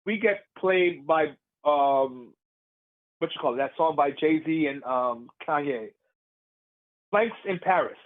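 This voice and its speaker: A man, a professional wrestler, telling stories in a casual interview, lively and laughing as he acts out the crowd's voices. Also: fairly high pitch, slow pace, phone-quality sound. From Puerto Rican heritage.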